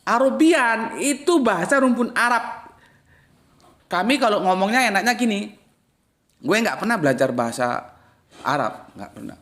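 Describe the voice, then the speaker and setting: A man giving a casual religious lecture as an Islamic study teacher, blunt and slangy, jumping from loud emphatic bursts to low muttered asides. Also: big pitch swings, moderate pace, long pauses.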